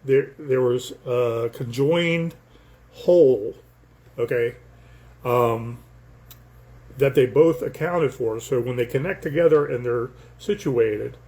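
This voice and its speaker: An older man with a gravelly, creaky voice talks slowly through his own poem. He rambles and thinks aloud, pausing on fillers as he explains his word choices in a casual, unhurried way. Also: medium pitch, darkish tone.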